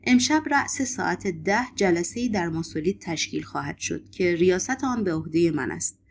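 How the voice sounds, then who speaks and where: A woman's voice: fairly low pitch, expressive, gravelly, a little hiss or hum. Woman reading as a skeptical, irritated man.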